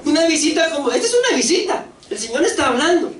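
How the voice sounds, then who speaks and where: A pastor with a Costa Rican accent preaching a lively sermon, asking the congregation questions and acting out voices. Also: high-pitched, fast talker. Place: church hall. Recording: echoey church hall, distant mic, faint noise.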